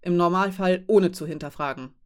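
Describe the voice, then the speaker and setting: Woman voicing a calm commanding ship captain. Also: fairly low pitch, moderate pace, natural voice. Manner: calm, factual, firm. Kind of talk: audiobook character voice.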